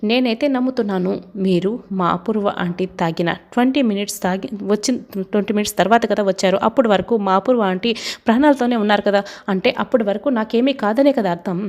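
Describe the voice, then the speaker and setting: A woman's voice: medium pitch, quick pace, darkish tone, natural voice. A woman voicing a determined young woman. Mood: insistent. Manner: insistent, reasoning.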